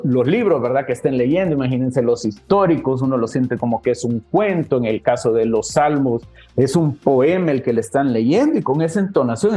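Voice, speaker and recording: Man, church teacher, chatty, faint music underneath. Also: a little high. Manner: warm conversational, addresses listeners as brothers. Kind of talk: casual teaching talk. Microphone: webcam.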